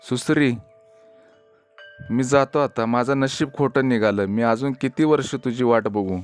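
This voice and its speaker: Man doing a ghost prince, cursed, young, sorrowful, resigned, smooth resonant voice, storybook reading. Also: medium pitch, unhurried, faint music behind, lightly acted. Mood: despairing.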